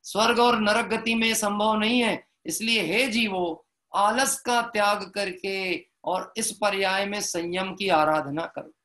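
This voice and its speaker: A man preaches a devotional sermon in a high, ringing voice. He mixes plain storytelling with slow, chanted verses and keeps asking the listeners rhetorical questions. His tone stays bright and clear throughout. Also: steady tone. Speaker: Jain preacher.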